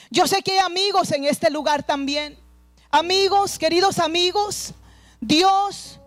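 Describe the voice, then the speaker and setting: A woman pastor preaches with a strikingly high voice, earnest and urging as she retells scripture to her church. Her voice sounds close and dry, with almost no room sound around it. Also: dry recording. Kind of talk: sermon. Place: church service.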